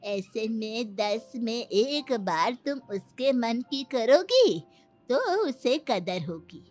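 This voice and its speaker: A woman voicing a wise old woman in a cartoon story, giving measured advice. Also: fairly high pitch, big pitch swings, darkish tone, soft background music, heavily acted. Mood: advising. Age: older. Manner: measured, advising.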